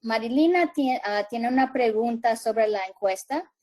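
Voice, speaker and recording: A woman's voice: fairly high pitch, lively intonation, measured pace, a little mellow. A woman co-hosting a webinar, reading out questions from the audience. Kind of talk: online webinar Q&A.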